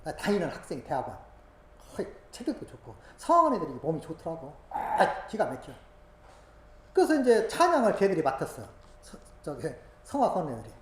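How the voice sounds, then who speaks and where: A woman's voice: lowish voice, huge pitch swings, fairly quick. Emotional woman preacher in a roomy hall. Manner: emotional storytelling that swings from hushed asides to loud exclamations. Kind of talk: sermon with personal testimony. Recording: roomy echo, faint background noise.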